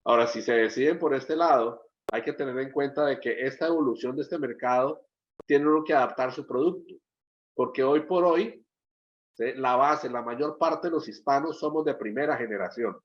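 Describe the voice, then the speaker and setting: A man's voice: medium pitch, normal speed. Middle-aged man presenting a webinar. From Colombia. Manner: explanatory, keeps checking with "¿sí?"; repeats words while searching for them. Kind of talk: export training webinar. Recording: dull lo-fi webinar audio.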